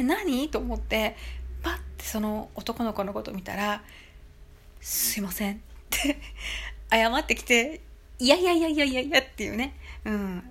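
A woman's voice: mid-range voice, a bit bright. A middle-aged woman, chatting alone on her podcast and telling a story with many fillers. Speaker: podcast host. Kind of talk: casual solo talk.

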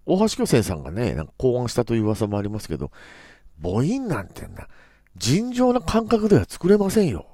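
A man's voice: medium pitch, mellow, no room sound, clean studio sound. A man hosting a casual solo talk show, musing playfully and acting out quoted phrases. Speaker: podcast host.

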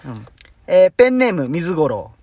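A young man with a high voice that never broke, chatting as host of a casual podcast. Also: sing-song, moderate pace, a little mellow, husky, dry recording, studio quality. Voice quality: high, unbroken voice. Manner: chatty, dialect-heavy, laughs often. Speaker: radio show host. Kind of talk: casual podcast chat reading listener letters.

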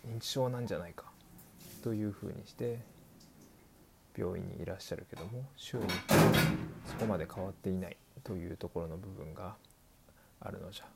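A man's voice: deep voice, brisk, vocal fry, long pauses, very noisy. A man voicing an elderly male doctor who patiently explains, dragging out his old-fashioned sentence endings. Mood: explaining. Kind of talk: scripted explainer dialogue.

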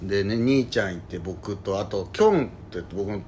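A man's voice: lowish voice, darkish tone, slight background noise. A young man co-hosting a podcast, telling anecdotes in casual chat and acting out the voices in his stories. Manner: fast storytelling, acts out voices in anecdotes. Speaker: podcast co-host.

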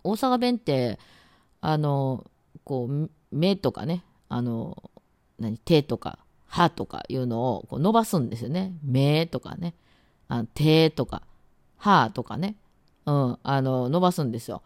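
A woman's voice: a bass voice, animated, a little slow, a little mellow, dry recording, clean studio sound. A woman with an Osaka accent chatting casually on her own podcast, rambling with many fillers and trying words out aloud. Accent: Osaka dialect. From Osaka, Japan. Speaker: radio talk host and musician. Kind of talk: casual solo podcast chat.

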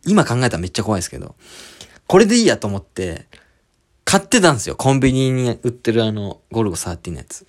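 A male sketch comedian telling a story in a casual solo talk show, rambling and full of filler words. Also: fast talker. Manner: animated, swooping pitch.

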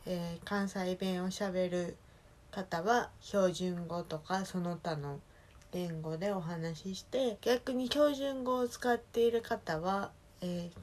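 A woman from Osaka speaking with a Kansai accent, chatting casually alone in a relaxed, rambling way that keeps correcting itself. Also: on the low side. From Osaka, Japan. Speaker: solo podcast talker. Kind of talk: casual solo chat.

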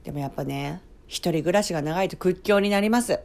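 A woman's voice: fairly low pitch, fairly quick, vocal fry, a little mellow. A woman casually telling a story on her own as a podcast host, chatty, breaking off for playful asides and acting out sounds and reactions.

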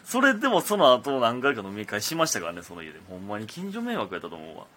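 A man's voice: mid-range voice, fast talker, a little hiss or hum. A young man with a Kansai accent hosting a casual solo radio talk, rambling and full of fillers. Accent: Kansai Japanese. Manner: rambling, many fillers, animated. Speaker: radio talk host, comedian.

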